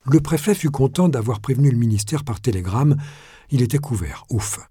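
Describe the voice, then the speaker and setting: Dark husky male audiobook narrator. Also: medium pitch, animated, a little fast, no echo, studio quality. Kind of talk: audiobook reading.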